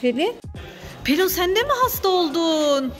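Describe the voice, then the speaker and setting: A woman's voice: very high voice, expressive, normal speed, big-room sound, soft background music. A woman hosting a family vlog skit, teasing and coaxing a child in a bossy, playful way. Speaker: vlog host playing a mother.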